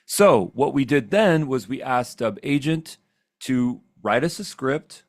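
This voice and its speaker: A man leading a live software training session, talking in an energetic, chatty, demonstrative way. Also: mid-range voice, slow pace, no room sound.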